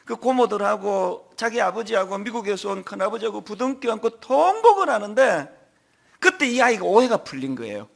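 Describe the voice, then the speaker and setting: A middle-aged man preaching a sermon as pastor, telling stories with emphatic swings in pitch and loudness. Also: big pitch swings, moderate pace, vocal fry. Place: large church sanctuary.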